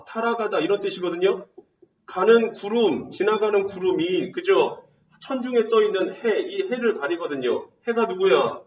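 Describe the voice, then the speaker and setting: A male teacher runs an exam-prep lecture, constantly throwing quick rhetorical questions at students and answering them himself. His voice sits fairly high. It is heard from a distance in a roomy space, with a slightly dull sound. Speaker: Korean literature teacher.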